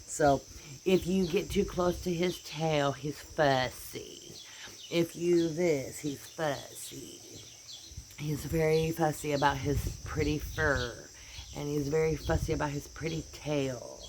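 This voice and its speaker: A woman's voice: sits low, takes it slowly. An American woman vlogger chatting casually and rambling about her dogs, sitting outside on a porch. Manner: rambling and animated, voices her dogs' thoughts. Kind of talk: casual chat. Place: outdoors on a porch. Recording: outdoor noise with birds and insects. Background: birds and insects.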